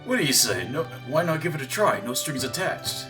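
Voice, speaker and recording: A man voicing a flirty, smooth-talking recruiter in a playful, coaxing way while reading a game aloud. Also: on the high side, big pitch swings, a little fast, over music, voice pushed up.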